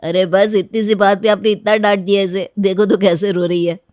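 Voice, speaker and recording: A woman's voice: mid-range voice, little pitch movement, normal speed, darkish tone, no echo, clean studio sound, natural voice. Woman doing an easygoing grown son. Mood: soothing. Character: easygoing adult son of the family.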